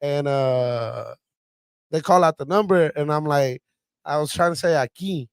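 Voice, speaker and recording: A man's voice: fairly high pitch, measured pace, gravelly, clean tone, no room sound. A man co-hosting a casual podcast, telling a funny story in slangy talk and laughing as he goes. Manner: laughing anecdote teller, slangy. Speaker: podcast co-host. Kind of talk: casual group chat.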